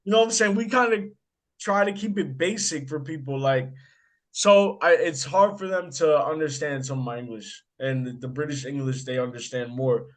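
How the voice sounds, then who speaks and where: Lively American man, high voice. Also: normal speed. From United States. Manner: animated storyteller, swears casually. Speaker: podcast host. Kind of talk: casual chat.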